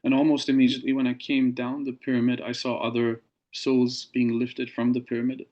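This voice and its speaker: A man speaks as an interview guest, slowly and earnestly recounting something that happened to him. His voice stays level and flat, with little rise or fall. The audio sounds dull and lo-fi. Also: mid-range voice. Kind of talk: recounting a personal experience.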